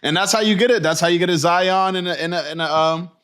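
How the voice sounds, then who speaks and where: Slangy man with a higher voice. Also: quick pace, fairly bright tone, clear, resonant tone. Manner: slangy, hesitant, repeats himself. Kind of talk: casual sports podcast chat.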